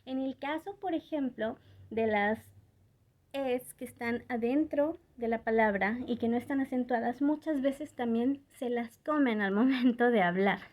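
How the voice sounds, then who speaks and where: A woman teaching French pronunciation in a patient video lesson, often checking in with a quick question. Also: fairly high pitch, a little mellow.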